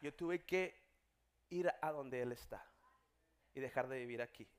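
A man preaching a sermon as pastor, building from hushed storytelling to shouted emphasis. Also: mid-range voice, unhurried, clear, resonant tone.

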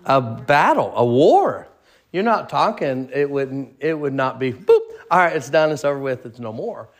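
A man's voice: mid-range voice, expressive, moderate pace. A man in his thirties leading an informal Bible study, talking plainly and repeating phrases for emphasis. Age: 30s. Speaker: pastor.

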